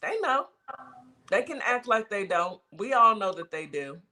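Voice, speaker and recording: Emphatic talk show host, bright voice. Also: mid-range voice, big pitch swings, measured pace. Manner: emphatic, repeats points for weight. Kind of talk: casual radio talk show chat.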